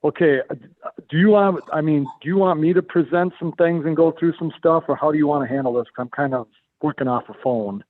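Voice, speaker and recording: A man's voice: a little high, brisk, a little hiss or hum. A man speaking over the phone into a public meeting, hesitant and repeating his words. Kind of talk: meeting testimony. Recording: tinny phone line.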